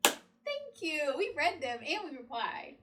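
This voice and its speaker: A young woman co-hosting a casual chat, bubbly and animated. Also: high voice, slow pace. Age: young adult. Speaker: co-host.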